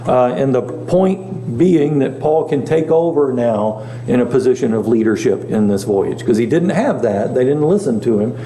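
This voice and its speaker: A man's voice: medium pitch, expressive, moderate pace, few pauses, warm tone. A male pastor teaching a Bible class in a chatty way, often asking the class questions. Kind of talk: conversational Bible lesson. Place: church meeting room. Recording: echoey room, faint hum.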